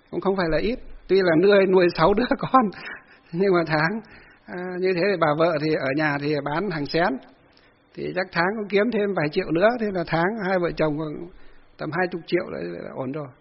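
A man's voice: on the high side, gravelly, husky, lo-fi sound. A man giving a folksy Buddhist sermon, telling a story with many fillers and acted-out quotes. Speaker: Buddhist monk giving a dharma talk.

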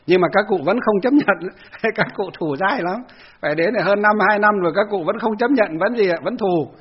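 A man's voice: sits high, a little fast, breathy edge, lo-fi sound. A man, a Buddhist monk telling a story in a conversational dharma talk to lay Buddhists. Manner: storytelling, conversational, acts out quotes.

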